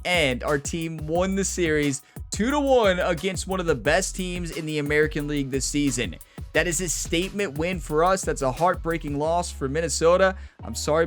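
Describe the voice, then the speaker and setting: A man chatting excitedly as he comments on his own baseball video game play, laughing often. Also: on the high side. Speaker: gaming YouTuber. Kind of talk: casual gameplay commentary.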